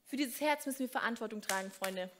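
A woman preaching a sermon in a church, speaking directly and informally to the congregation, with big swings between loud and quiet. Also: on the high side, fast, a little hiss or hum.

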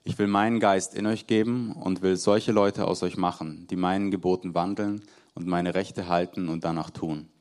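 A man with a very low, deep voice reads a scripture passage aloud. His reading is calm and even, and he stands away from the microphone. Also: moderate pace. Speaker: congregation member reading scripture.

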